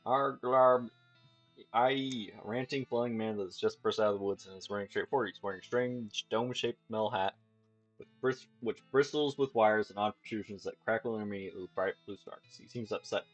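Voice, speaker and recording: A man's voice: on the low side, a little fast, dry recording, soft background music, low-quality recording. A man reading a video game's text aloud as a let's play host, stumbling and restarting now and then. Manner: plain reading with slips and restarts.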